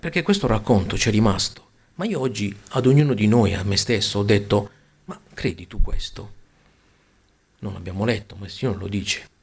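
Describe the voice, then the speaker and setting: A man preaching a sermon, swinging between loud exclamations and hushed, near-whispered lines. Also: fairly low pitch, fairly quick, vocal fry, hardly any pauses, slightly rough.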